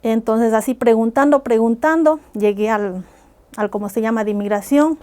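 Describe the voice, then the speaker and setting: A podcast guest from Ecuador earnestly describes the hard experiences she has gone through. Her voice is a little high and darkish in tone, moving at a normal speed.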